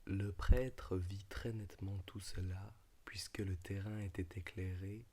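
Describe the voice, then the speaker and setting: A man speaks in a soft, hushed, half-whispered ASMR voice, talking about and reading from a book in an unhurried, slightly hesitant way. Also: low-pitched, steady tone, slight background noise. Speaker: ASMR video creator.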